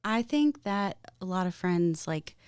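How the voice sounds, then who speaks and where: Podcast guest: woman from New Jersey, relaxed and filler-heavy, low register. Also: unhurried, clean tone, dry recording, studio quality. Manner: laid-back, laughs easily, many fillers. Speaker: guest artist. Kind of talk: casual podcast chat.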